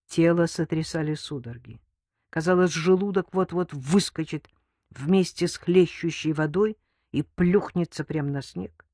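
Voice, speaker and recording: A woman narrating an audiobook in an even, measured reading. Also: low-pitched, dry recording, studio quality. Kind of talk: scripted narration.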